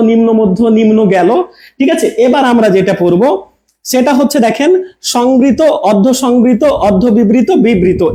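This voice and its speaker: A man's voice: very high voice, warm tone, roomy sound. A man teaching a video lesson, demonstrating sounds aloud and asking and answering his own questions.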